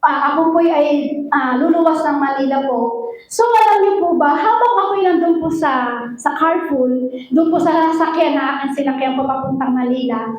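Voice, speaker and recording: A woman pastor preaches in a very high, lilting voice, pleading and repeating herself as she testifies. Her voice sounds distant, and it booms around a big echoing church hall. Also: normal speed. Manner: emotional preaching with a sing-song lilt and repeated appeals. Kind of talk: sermon. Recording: very echoey church hall, mic far off.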